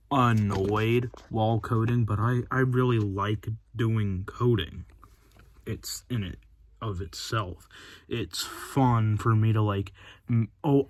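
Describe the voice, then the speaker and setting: A teenage male vlogger chatting casually and unscripted inside a closet, hesitant and often losing his thread. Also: mid-range voice. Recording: noisy amateur closet recording with clicks.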